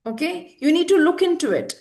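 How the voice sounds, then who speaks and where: A woman's voice: very high-pitched, lively intonation, fairly quick, darkish tone. A woman, earnestly explaining an emotional healing technique and repeating words for emphasis. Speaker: EFT practitioner guest. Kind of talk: conversational explanation.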